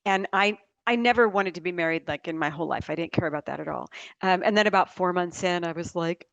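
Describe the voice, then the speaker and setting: A woman's voice: fairly low pitch, fast talker, vocal fry, fairly bright tone, no room sound, dull audio. A middle-aged woman telling rambling, chatty stories as a guest in a casual interview. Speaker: guest author. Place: small backyard writing shed, indoors.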